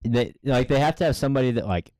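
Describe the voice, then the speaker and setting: A man's voice: mid-range voice, quick pace, darkish tone, dry recording, studio quality. A young man co-hosting a podcast in casual chat, rambling and hesitant with many fillers. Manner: rambling, hesitant, lots of likes and you knows. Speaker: podcast co-host.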